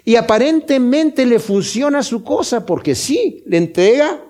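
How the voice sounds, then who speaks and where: A man's voice: very high voice, very animated, darkish tone. A man preaching a sermon, explaining a scripture passage step by step and asking his listeners questions as he goes. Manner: explains step by step, pausing to ask the congregation.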